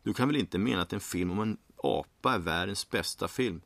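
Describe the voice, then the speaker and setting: A weary, aging former action-film star, bored and tired, as a man plays him. His gravelly, low voice is only a little lifted from the narrator's own. A storybook reading recorded dry and close. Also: a bit bright, no echo. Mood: weary, sulky.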